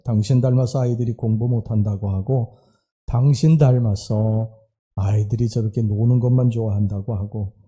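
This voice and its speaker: Husky, dark-voiced male pastor preaching. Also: mid-range voice. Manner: earnest preaching with emphatic rises and quieted asides. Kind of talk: sermon. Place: church sanctuary.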